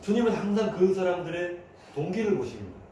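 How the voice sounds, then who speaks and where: A man's voice: high-pitched, very animated, fairly quick, dark tone, distant mic, a little hiss or hum. A man preaching a sermon as a pastor, talking conversationally and acting out the voices he quotes. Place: church sanctuary. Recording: echoey room, voice from afar.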